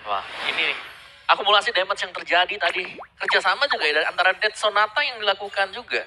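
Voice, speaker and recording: Indonesian guy doing esports analysis, talks fast, loud noise behind him. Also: high voice, lively intonation.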